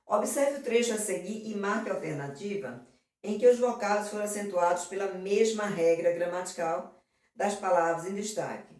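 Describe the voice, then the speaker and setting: A woman teacher speaks at a moderate pace in a medium, slightly mellow voice while reviewing exam questions for an exam prep lesson. Her manner is affectionate, rich in diminutives and steady check-ins with students. The recording has heavy room echo and a far-off mic.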